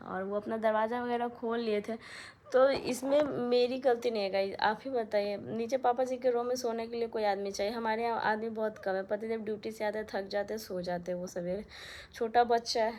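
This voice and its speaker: A woman's voice: on the high side, fairly even intonation, fairly quick, darkish tone, a little hiss or hum. A young woman in a casual vlog, talking straight to her viewers in a chatty, aggrieved way. She is filming on a phone in a small room at home with the fan turned off. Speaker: vlogger. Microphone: phone camera held close.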